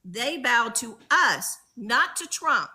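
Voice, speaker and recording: A woman with a high, bright voice rants with passion and sarcasm as a guest on a live stream. She slips into mocking voices to mimic the people she argues against. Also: sing-song, takes it slowly. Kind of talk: passionate political rant.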